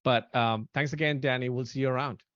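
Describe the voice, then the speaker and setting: A man in his thirties hosting a casual podcast chat, excitable and animated, speaking in quick bursts. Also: mid-range voice, no room sound. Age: 30s. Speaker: podcast host. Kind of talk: casual chat on a video call. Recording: dull, lo-fi, dry audio.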